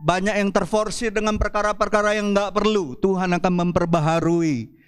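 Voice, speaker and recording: A man preaching a church sermon as pastor, with dramatic swings of pitch and loudness. Faint music plays behind him. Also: fairly even intonation, moderate pace, clean tone.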